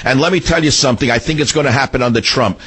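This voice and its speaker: A man's voice: mid-range voice, very fast, fairly bright tone, husky. A man hosting a political talk radio show, ranting in combative, sneering bursts from a radio studio.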